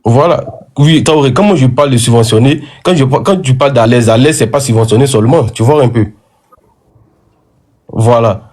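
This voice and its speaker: Brief: man in an online debate, mid pitch, halting and lecturing, stumbles and restarts. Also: darkish tone. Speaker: debate participant.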